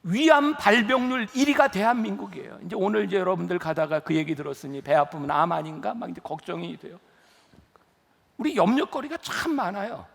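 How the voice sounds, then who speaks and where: Middle-aged male preacher, high gravelly voice, storytelling sermon, long church-hall reverb. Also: expressive, fairly quick. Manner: storytelling, rising to emphatic pleas. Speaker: pastor.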